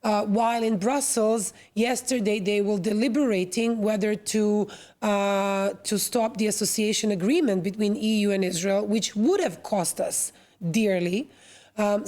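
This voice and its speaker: A woman from Serbia, a panel guest, speaking in a measured, deliberate way with some hesitation. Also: medium pitch, a little mellow. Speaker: panel guest, NGO vice president. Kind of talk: panel discussion.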